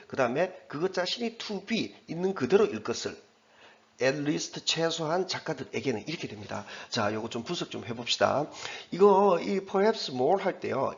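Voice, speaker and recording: A man's voice: on the high side, lo-fi sound. A man teaching English grammar in Korean, explaining step by step and slipping English terms into his explanations. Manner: explains step by step, pointing at the text on the board. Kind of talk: recorded exam-prep lecture.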